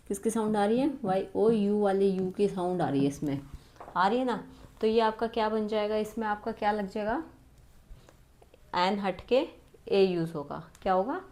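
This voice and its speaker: A woman teaching an exam-prep English grammar lesson, constantly asking her students rhetorical questions and reading example sentences very slowly. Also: mid-range voice, darkish tone.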